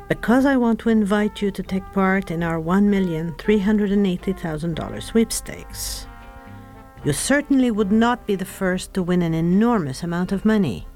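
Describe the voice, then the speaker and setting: A woman's voice: darkish tone, dry recording. A woman delivering scripted promotional narration as a sweepstakes director, speaking directly and personally to the listener. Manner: direct, personal sales pitch addressed to the listener.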